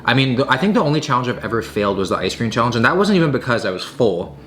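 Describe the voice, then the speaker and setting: Young male host, quick and lowish voice, informal, emphatic Q&A chat with noticeable background noise. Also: sing-song, fairly bright tone. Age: young adult. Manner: informal, filler-heavy, emphatic wording. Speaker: video host answering viewer questions. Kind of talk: casual Q&A chat while tasting food.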